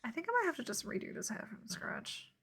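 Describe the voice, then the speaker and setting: A woman's voice: fairly high pitch, sing-song, fast talker, gravelly, a bit bright, slightly rough. A young woman streaming while she draws, chatting casually and laughing often. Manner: giggly, laughs often, playful. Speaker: art streamer. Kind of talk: casual chat while drawing.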